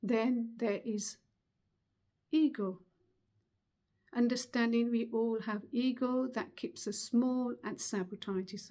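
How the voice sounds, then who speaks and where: Middle-aged woman, motivational speaker, fairly high voice, unhurried and deliberate with emphatic pauses. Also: mellow. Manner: slow, earnest, emphatic delivery with pauses. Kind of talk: motivational webinar talk.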